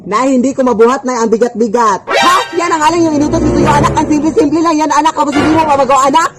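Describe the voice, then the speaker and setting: A woman's voice: high voice, racing, over loud music. A woman acting in comic skits with a scolding, nagging tone. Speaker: comedy skit performer.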